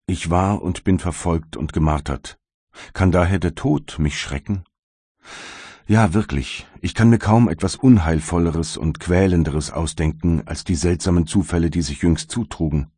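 Man, audiobook narrator, solemn, anguished, very low voice, dry close sound. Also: dark tone, slightly rough, no echo. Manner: solemn, anguished first-person reading. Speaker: audiobook reader.

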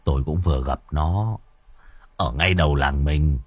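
Man doing a shaken old village husband, stammery, husky voice, dry close sound. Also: very deep voice, a little slow, dry recording, pitched below the performer's own voice, full character voice. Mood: rattled. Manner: stammering, uneasy. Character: worried elderly village husband.

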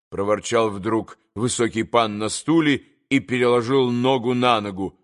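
A man reading a classic novel aloud as an audiobook narrator, in a measured way. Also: medium pitch, fairly bright tone. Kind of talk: scripted narration.

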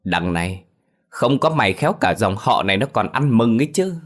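A man's voice: lowish voice, very animated, fairly quick. A man voicing a scornful old clan elder. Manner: mocking, domineering. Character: arrogant scornful elderly male clan head.

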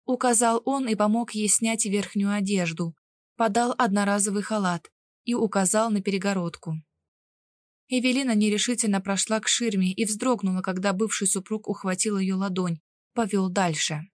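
A woman narrating a fantasy novel in an even, measured storytelling voice. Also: medium pitch, no room sound, clean studio sound. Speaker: audiobook narrator.

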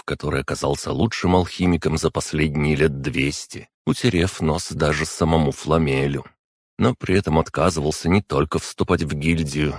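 Very deep, husky male narrator. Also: dry recording, clean studio sound. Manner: steady, measured reading. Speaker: audiobook narrator. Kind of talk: scripted narration.

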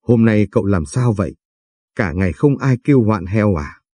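A man doing a loud-mouthed, breezy son-in-law in an audio storybook. His voice stays low and mellow, with a husky edge. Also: animated, moderate pace, dry recording.

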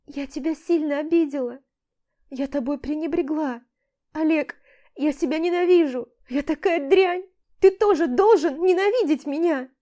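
A woman voicing a hysterical young woman who screams, sobs and pleads in a shrill voice. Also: normal speed, dark tone, close to an everyday voice. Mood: pleading, sobbing. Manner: shrill, pleading, shrieking to a squeal. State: crying.

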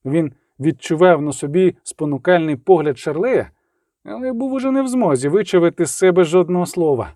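A man narrating an audiobook in an expressive, dramatic reading style. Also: a little high, fairly quick, dry recording, studio quality.

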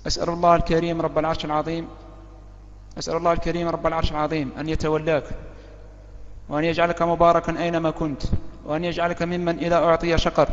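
Student man reciting at speed over a broken online call with dropouts; slightly high, monotone delivery. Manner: fast, flat recitation. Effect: choppy online call audio with dropouts. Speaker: student reciting a memorized text. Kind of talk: rapid memorized recitation. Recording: muffled, echoey online call audio.

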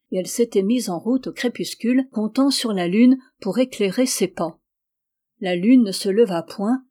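A woman narrates a book aloud in a steady, measured way. Her voice sits at a middle pitch with a dark, mellow warmth. She slows down deliberately on key phrases. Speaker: audiobook reader. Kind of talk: scripted narration.

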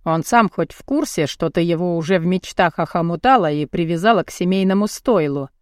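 A woman's voice: fairly low pitch, fairly quick, clear, resonant tone, no echo, clean studio sound, pitched below the performer's own voice, lightly acted. A woman voicing a crude, cocky young muscleman who taunts and speaks bluntly in an audiobook. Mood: mocking. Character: crude cocky muscular young man, mocking and pushy. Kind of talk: audiobook character voice.

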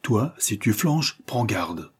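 A man's voice: on the low side, normal speed, dark tone, slightly rough. A man voicing a ruthless, domineering female adventuress who gives harsh, contemptuous orders. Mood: commanding.

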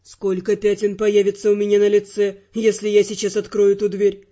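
A woman voicing a confident, teasing young male earl in a lowered, mocking, self-assured tone. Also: completely flat delivery, normal speed, mellow, muffled recording, natural voice. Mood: wry, confident.

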